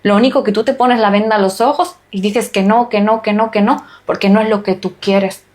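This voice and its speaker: A woman's voice: medium pitch, steady tone, a little fast, darkish tone. A woman hosting a spiritual podcast, speaking earnestly and urging listeners with emphatic repeated phrases. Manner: earnest, emphatic, repetitive exhortations. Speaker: podcast host and holistic nutritionist.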